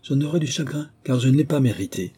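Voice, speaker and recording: Brief: man doing a delicate, admonishing princess mother in an audiobook, husky and mellow. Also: mid-range voice, animated, fast, pitched above the performer's own voice. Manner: gentle, admonishing. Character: frail, gently reproachful aristocratic mother.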